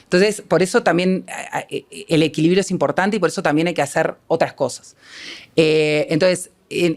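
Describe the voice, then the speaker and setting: Speaking in a deep, slightly mellow voice, a woman who produces films and has a Uruguayan accent answers questions on a panel. She hesitates and pokes fun at herself as she works through her thoughts aloud.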